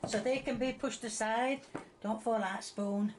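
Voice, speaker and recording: A woman's voice: a little high, steady tone, measured pace, over a noisy crowd. Older woman talking through a home cooking video. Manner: chatty, hesitant, talks herself through each step. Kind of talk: homemade cooking video narration.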